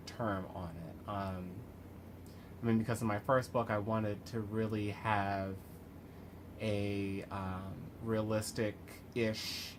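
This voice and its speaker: Male vlogger, low voice, lisp from a retainer, rambling diary delivery, noticeable background noise. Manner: halting, rambling, thinking aloud. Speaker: vlogger and writer. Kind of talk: casual video diary.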